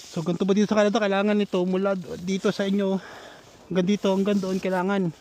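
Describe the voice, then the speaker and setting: A man's voice: high-pitched, steady tone, fairly quick, a little mellow. An older man, narrating a casual vlog while he shovels snow outdoors. He is out of breath and laughs often between phrases. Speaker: vlogger.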